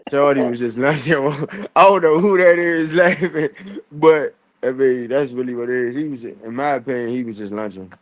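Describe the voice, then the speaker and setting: A man's voice: mid-range voice, no echo. A man talks casually on a podcast, laid-back and slangy, circling back to the same point. His voice sounds dry and close, with no room around it. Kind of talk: casual chat.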